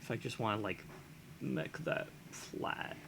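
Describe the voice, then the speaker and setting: A man's voice: on the low side, measured pace, creaky, a bit bright, slight background noise. A man streaming while he sculpts, chatting casually and musing aloud, often chuckling and trailing off into fillers as he works, into a desk microphone.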